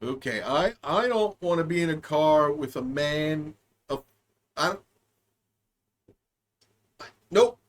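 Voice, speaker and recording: Podcast co-host from Pittsburgh; high-pitched man, crude rambling banter. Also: lively intonation, unhurried. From Pittsburgh, USA. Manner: rambling, profane, laughing often.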